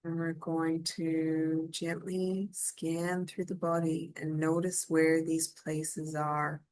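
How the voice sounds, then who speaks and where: This is a woman guiding a meditation in a low voice, taking things extremely slowly. She keeps her tone steady and mostly flat, with a soft, calming delivery that quietly draws the listener in.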